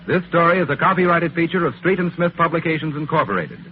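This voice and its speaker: A man's voice: fairly high pitch, animated, fast. A man announcing a 1940s radio programme in a formal, theatrical manner. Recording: tinny, faintly noisy 1940s broadcast.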